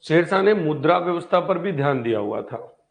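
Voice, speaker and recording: A man's fairly high, gravelly voice moves briskly and expressively through a live online history class geared to exam prep. He chats his way through, restating key ideas and posing rhetorical questions.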